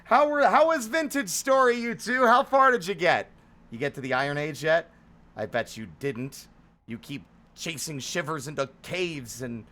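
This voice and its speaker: A livestream host with a fairly high, sharp-toned voice chats casually with his viewers, playful and theatrical, wandering between greetings and exclamations.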